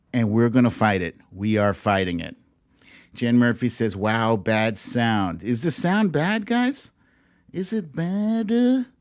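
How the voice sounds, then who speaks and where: With a medium-pitched, darkish voice, a middle-aged livestream host talks directly to his viewers in a casual, meandering way. He's on a streaming mic at a laptop setup, and the studio sound is clean without echo.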